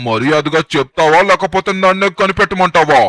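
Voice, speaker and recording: A man's voice: high-pitched, fairly quick, sharp tone, dry recording, studio quality. A man voicing a nosy, suspicious dog who fancies himself a detective, talking in a nagging, bossy way. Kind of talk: gameplay story voice-over.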